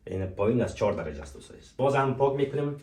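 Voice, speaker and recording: A man teaching French vocabulary, repeating each word slowly and asking and answering his own questions. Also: mid-range voice, expressive, mellow. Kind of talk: language lesson. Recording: echoey room, voice from a distance.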